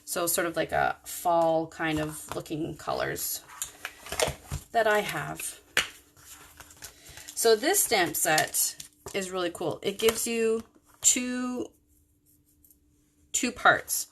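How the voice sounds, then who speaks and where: A woman's voice: fairly low pitch, sing-song, takes it slowly, long pauses, background noise. A woman chatting through a card-making tutorial in a rambling, self-correcting way, with the hiccups. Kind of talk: casual craft tutorial.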